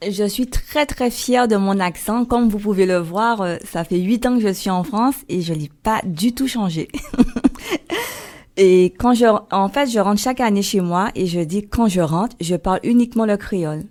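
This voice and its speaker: A woman's voice: medium pitch, lively intonation, moderate pace, darkish tone. A woman business owner, a guest on a radio show, speaking in a cheerful, proud way. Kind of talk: radio interview.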